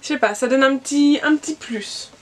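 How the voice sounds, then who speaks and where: With a high voice and a fairly quick pace, a young vlogger with a cold shows her gifts in a relaxed haul video. Her talk is loose and chatty, packed with fillers and false starts.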